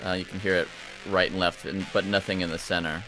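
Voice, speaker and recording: A low-voiced man talks fast and flatly while casually walking through his own mix in a screen-share tutorial. He thinks aloud in a loose, rambling way, and loud music plays back under his voice.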